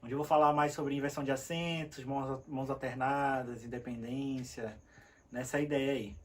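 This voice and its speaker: A man's voice: medium pitch, steady tone, normal speed. A man teaching a cajón lesson, explaining patiently step by step with restarts and fillers. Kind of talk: instructional lesson while playing. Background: cajón drumming.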